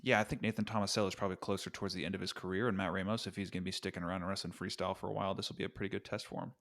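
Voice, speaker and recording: Low-voiced man hosting a chatty podcast. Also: little pitch movement, rapid-fire, a bit bright. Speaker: podcast co-host. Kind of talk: casual sports podcast chat.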